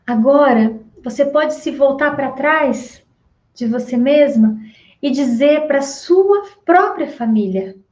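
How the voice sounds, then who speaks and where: A woman with a Brazilian Portuguese accent, a family constellation therapist, giving a slow and soothing guided reflection talk with long pauses. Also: sits high, expressive, a little mellow, echoey room, highs cut off.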